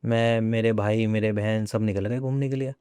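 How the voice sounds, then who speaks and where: A young man tells a personal ghost story as a podcast guest. His voice is mellow and dark, and he speaks conversationally, circling back over his own phrases. The recording is dry and close, with no room echo. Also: lowish voice, fairly even intonation, smooth. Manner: repeats phrases, conversational and unhurried.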